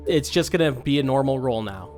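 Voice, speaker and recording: A man's voice: mid-range voice, expressive, brisk, a little mellow, faint music behind. A man running a tabletop game as game master, talking casually and hesitantly, with many fillers and restarts as he describes scenes.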